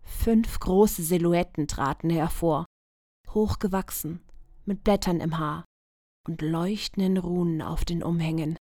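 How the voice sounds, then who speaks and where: A woman narrating a fantasy story for children in an expressive storybook style. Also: lowish voice, measured pace, no echo, studio quality.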